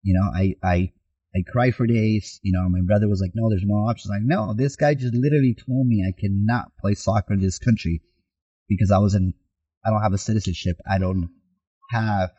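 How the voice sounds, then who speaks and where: Speaking fairly quickly in a lowish, breathy voice, a Mexican man who coaches soccer tells his life story as a podcast guest. He animatedly voices the dialogue he recalls, and the recording has its highs cut off.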